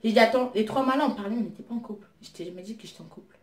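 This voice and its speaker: A woman's voice: fairly high pitch, racing. French-speaking woman telling a story in a roomy echo. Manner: lively, indignant retelling of her own exchanges. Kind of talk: casual storytime chat.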